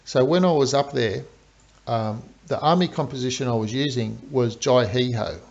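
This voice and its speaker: This Australian-accented game streamer talks viewers through strategy one step at a time in live commentary, at a normal speed. He has a mid-range, slightly mellow voice with some vocal fry, captured in dull lo-fi stream audio.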